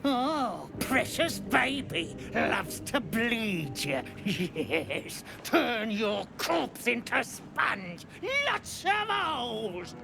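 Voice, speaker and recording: Ein krächzender, gehässiger Kobold aus einem Videospiel, mit rauer, gurgelnder Stimme, die zwischen Flüstern und Brüllen wechselt. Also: male voice, very high voice, sing-song, very slow, few pauses, heavily acted. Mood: snarling, menacing. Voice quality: gravelly, snarling, broken grammar. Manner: swings from hissing to shouting threats. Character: vicious little male redcap fey, gleefully bloodthirsty. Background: game music.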